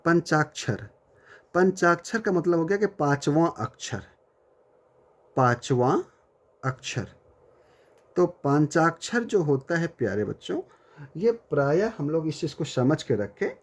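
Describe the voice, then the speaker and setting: A male teacher with a slightly husky, higher voice gives a grammar lecture. His pitch rises and falls with lively emphasis. He repeats each key term slowly and speaks to his students with warm address.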